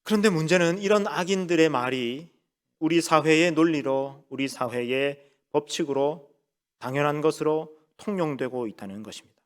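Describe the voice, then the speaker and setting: A male pastor preaching a sermon with emphasis, asking the congregation rhetorical questions and slowing down to lean into key phrases. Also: on the high side.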